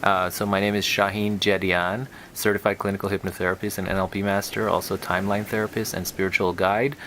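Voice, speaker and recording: On this guided relaxation track, a man voicing a hypnotherapist speaks a little fast in a low, flat, slightly bright voice. His manner is calm and hypnotic, and relaxation music and rain play underneath, with slight background noise.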